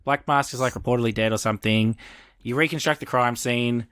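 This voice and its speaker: Man, podcast co-host, casual chat, rambling, animated retelling, middle pitch. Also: fairly quick, clear, resonant tone.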